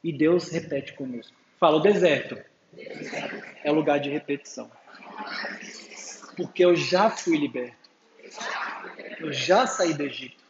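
A man's voice: a little high, unhurried, long pauses. A man preaching a sermon to a congregation, calling for amens and acting out talks with his little daughter. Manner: calls out to the congregation with frequent amens; acts out dialogues with his daughter. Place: church hall with an audience. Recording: echoey hall, dull sound, faint hum.

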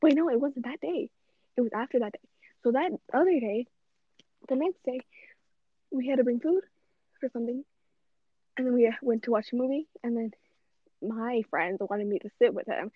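A woman's voice: fairly high pitch, normal speed, long pauses, no room sound, phone-quality sound. A teenage girl telling a school romance story in casual chat, chatty and dramatic. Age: teens.

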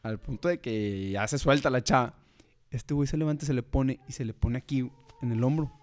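A man's voice: medium pitch, a little fast, darkish tone. A man with a Mexican accent chatting casually and telling a story, dropping "güey" constantly. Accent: Mexican Spanish. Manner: slangy, peppers speech with "güey".

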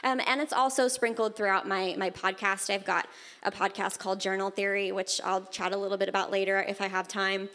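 A woman's voice: medium pitch, level tone, fairly quick, fairly bright tone. A woman coach giving an upbeat motivational talk to a live audience in a room. She is emphatic and repeats her key phrases. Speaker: women's coach and guest speaker.

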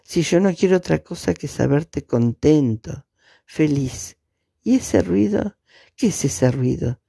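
A man reading the part of a grieving young woman pleading softly into a phone, close to tears. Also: on the high side, lively intonation, slow pace, vocal fry, slightly rough, no echo, exaggerated voice. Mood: tender. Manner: soft, pleading, near tears.

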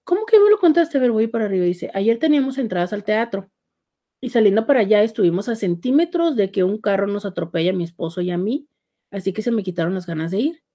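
A woman's voice: mid-range voice, lively intonation, quick pace, warm tone. A Mexican woman, a couples therapist, chatting casually on a live stream, reading out viewer comments in a playful, sarcastic way and laughing often.

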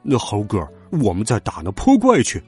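Man putting on a gruff pig warrior, lower voice, eager, storybook. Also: huge pitch swings, normal speed, mellow, soft background music, full character voice. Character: blustering male pig warrior.

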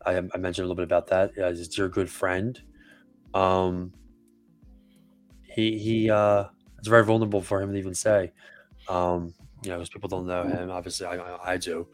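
Male podcast co-host, very deep and monotone, earnest and emotional, faint music underneath. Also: moderate pace. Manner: earnest, emotional, swears casually. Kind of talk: casual heartfelt podcast talk. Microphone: podcast microphone.

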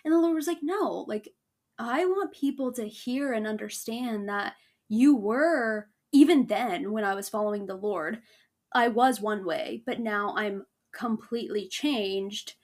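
A woman's voice: a little high, unhurried, a little mellow. A young woman hosting a faith podcast, talking casually with lots of fillers, restarts and laughs. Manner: chatty, frequent fillers and restarts, laughs often. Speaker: podcast host.

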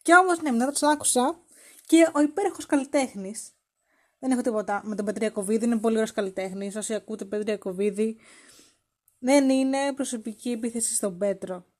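A woman hosting a podcast, talking casually and teasingly as she acts out quoted lines. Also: a little high. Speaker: podcast host.

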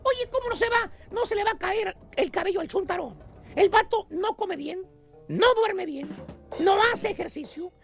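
A man hosts a comic radio show, ribbing his co-hosts and spinning mocking slang-filled anecdotes. His voice sits very high and carries a gravelly edge, with faint music underneath. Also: expressive, normal speed, fairly bright tone. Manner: teasing, mocking storyteller with slang.

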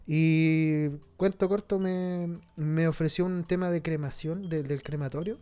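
A man with a Chilean Spanish accent tells a sad personal story in casual chat, full of slang and frequent swearing, his storytelling somber. His voice is a little high, warm and smooth, with fairly even intonation and a measured pace.

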